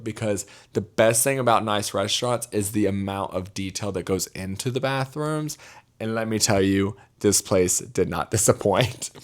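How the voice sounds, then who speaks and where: A young man from Mississippi, with a matching accent and a fairly low voice, chats casually like a travel vlogger catching up with friends in a storytime vlog. He's gossipy and emphatic, peppering his talk with confiding asides to viewers.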